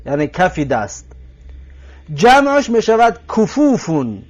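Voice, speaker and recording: A man with a Tajik accent teaches a recorded language lesson in a fairly high voice. He says each new word several times, slowly and carefully. He often stops to ask his listeners if they are following. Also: lo-fi sound. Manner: patient, repeats words slowly to drill them; addresses listeners directly, asks if they follow.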